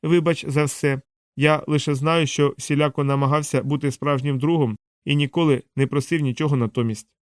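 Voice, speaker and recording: Чоловік, що озвучує скривдженого несміливого робота-прибульця. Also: male voice, a little high, steady tone, a little fast, dry recording, clean studio sound, close to an everyday voice. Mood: sorrowful. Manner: pleading, wounded and timid. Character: gentle male alien robot, eager to please. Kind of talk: audiobook character reading.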